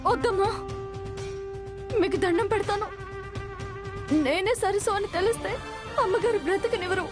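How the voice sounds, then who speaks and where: A pleading frightened house maid. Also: female voice, extremely high pitch, moderate pace, over music. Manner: pleading, respectful, keeps saying madam. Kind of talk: TV serial drama.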